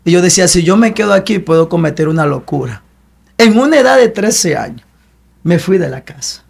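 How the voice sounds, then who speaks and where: A man's voice: high voice, expressive, a little fast, gravelly, a little mellow, slightly rough. A young man giving an emotional personal testimony with a repetitive, preacher-like cadence.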